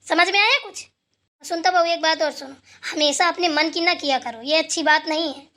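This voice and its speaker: A woman voicing a sharp-tongued, scolding old mother-in-law in a cartoon, taunting and sarcastic. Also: extremely high pitch, moderate pace, full character voice. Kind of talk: cartoon voice acting.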